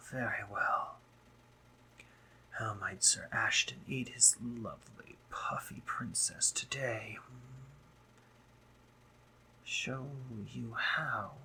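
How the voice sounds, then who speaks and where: In a romantic roleplay audio drama, a man plays a doting, teasing gentlemanly painter who is a spider-monster. His lowish voice is exaggerated, with genteel phrasing, hesitant pauses and drops into whispers, and his mood is teasing and affectionate.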